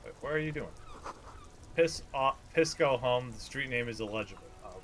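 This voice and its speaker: A man's voice: mid-range voice, normal speed, fairly bright tone, slight background noise. A man giving casual gameplay commentary, muttering to himself and reading game text aloud. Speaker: gameplay streamer.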